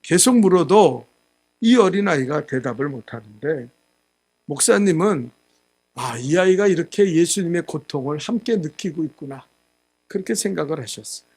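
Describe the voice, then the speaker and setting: A male pastor giving a sermon, telling a story and acting out the quotes, growing loud at the high points. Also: lively intonation, moderate pace. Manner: storytelling with acted quotes, rising loud at climaxes. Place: church sanctuary.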